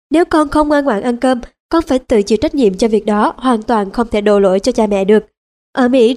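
Mellow, higher-voiced woman narrating. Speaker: audiobook narrator. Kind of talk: scripted narration.

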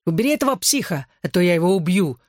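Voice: medium pitch, big pitch swings, fast, darkish tone, dry recording, natural voice. An audiobook reader voicing a hostile, sneering young man who makes threats, in a dry close recording. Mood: menacing. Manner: threatening, contemptuous.

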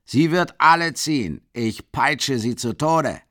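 A man's voice: expressive, slow pace, dry recording. Guy doing a drunk brutish peasant carter, bellowing, voice jumping all over, dry sound. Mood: raging. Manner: bellowing, higher and louder than the narration.

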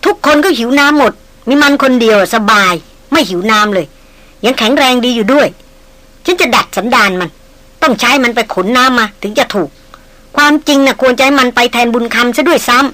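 Brief: woman reading frank, teasing young woman, brisk and high. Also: sharp tone.

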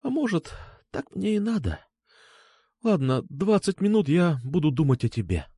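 A man's voice: a little high, big pitch swings, normal speed, dark tone, dry recording, clean studio sound. A man reading an audiobook, voicing a frightened young woman who speaks through tears and pleads. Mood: frightened pleading. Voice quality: tearful, pleading.

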